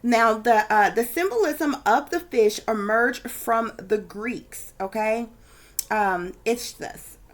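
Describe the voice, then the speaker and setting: A woman's voice: on the high side, slow. A woman hosting a spiritual video, talking loosely with frequent fillers, restarts and a habit of asking "okay?". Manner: repeats "okay?" often, with many fillers and restarts. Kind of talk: casual spoken video lecture.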